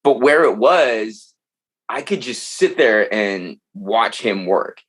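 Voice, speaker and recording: A man with a fairly low voice tells stories as a podcast guest in loose, casual talk. He is animated and swears freely. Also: takes it slowly. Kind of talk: casual chat.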